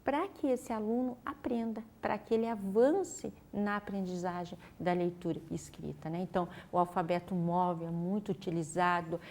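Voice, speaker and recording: A woman's voice: lowish voice, fairly even intonation, moderate pace, hardly any pauses, a little mellow. A woman, a teacher patiently explaining a literacy method in an interview. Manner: patient, instructive, uses many fillers.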